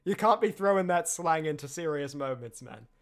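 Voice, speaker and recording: A young man streaming a game, chatting casually with lively tangents and frequent laughter. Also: fairly high pitch, normal speed. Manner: animated, laughs often, chatty asides. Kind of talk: casual let's-play commentary.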